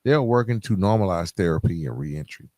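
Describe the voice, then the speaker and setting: With studio-quality sound and no room noise, a man hosts a podcast, his low, mellow voice fairly quick and lively in intonation. He speaks straight to listeners, candid and emphatic, in colloquial, streetwise phrasing resembling a motivational monologue.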